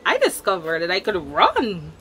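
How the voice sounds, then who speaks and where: Lively Guyanese woman telling a story. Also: on the low side, normal speed, a little hiss or hum, low-quality recording. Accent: Guyanese Creole English. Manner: animated storytelling with many repeated words. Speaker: vlogger. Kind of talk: casual storytelling chat.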